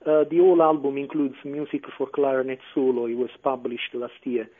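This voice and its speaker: A man's voice: mid-range voice, steady tone, fairly quick. A man, a clarinetist and composer, answering radio interview questions with many fillers and restarts. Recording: phone-line radio audio.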